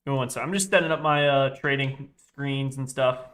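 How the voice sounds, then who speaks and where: A stuffy-voiced young man talks casually during a live trading stream, reading chat aloud and rambling with self-corrections. He speaks at normal speed in a steady, medium-pitched and fairly bright voice.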